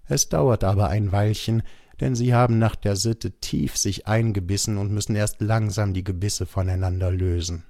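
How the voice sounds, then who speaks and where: A man's voice: fairly low pitch, steady tone, normal speed, mellow, no echo, clean studio sound, close to an everyday voice. A man voicing an old male jackal who pleads in a lamenting tone. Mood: pleading. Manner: lamenting, imploring.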